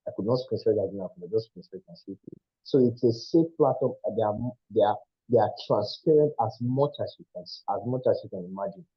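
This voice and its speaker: A husky, slightly breathy man talks in a persuasive, preacher-like way, circling back and repeating his phrases. The sound is dull and muffled, like online call audio, with a close, dry feel and no room around it. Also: fairly low pitch, brisk, no echo. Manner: repetitive, preacher-like with restarts. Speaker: team leader answering questions. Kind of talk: online group call, motivational explanation. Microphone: headphones.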